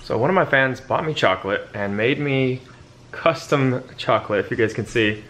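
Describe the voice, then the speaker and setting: A man's voice: mid-range voice, normal speed, a bit bright, slight background noise. A young man chatting playfully to the camera as he vlogs at home in the kitchen. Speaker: vlogger. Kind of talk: casual home vlog.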